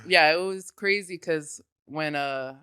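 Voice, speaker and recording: A woman guest on a podcast, telling stories in a casual chat, animated and often laughing. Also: low voice, slow pace, clear, resonant tone, dry recording, clean studio sound.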